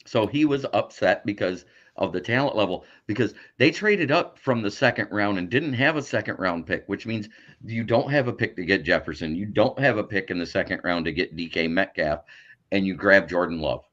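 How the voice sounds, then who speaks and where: A man's voice: fairly low pitch, animated, normal speed, a bit bright, highs cut off. A man who is a guest on a sports podcast, chatting casually and opinionatedly about football. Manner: opinionated, breaks into mocking impressions.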